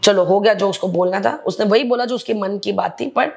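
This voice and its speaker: A woman who is a reality show contestant talks bluntly and animatedly as a guest in a candid interview chat, often slipping into English phrases. Her voice is mid-range, fairly quick, creaky, and darkish in tone.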